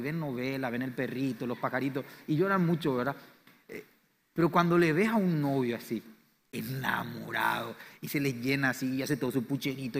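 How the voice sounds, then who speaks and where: A man with a Paraguayan Spanish accent preaching a sermon as pastor, swinging between loud, fervent declarations and quiet, low lines. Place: church sanctuary. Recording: church hall reverb.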